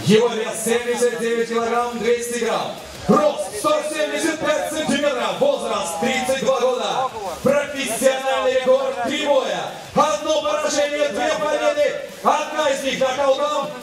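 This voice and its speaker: Echoing, very high-pitched male ring announcer. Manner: ceremonial, drawn-out announcing. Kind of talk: formal fight introductions. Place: large indoor boxing hall. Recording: distant PA in echoey crowded hall. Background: loud music and crowd.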